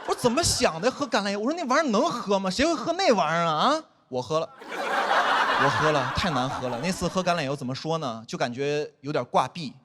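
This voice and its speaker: A man's voice: high-pitched, heavy background noise. A young man performing a stand-up comedy set on stage, acting out quoted dialogue. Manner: animated, quick-talking, acts out quoted dialogue. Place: comedy stage before a live audience.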